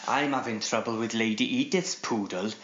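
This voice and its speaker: A woman's voice: a bass voice, moderate pace, highs cut off. A woman voicing a cheeky, bawdy male gardener full of innuendo. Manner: saucy, innuendo-laden.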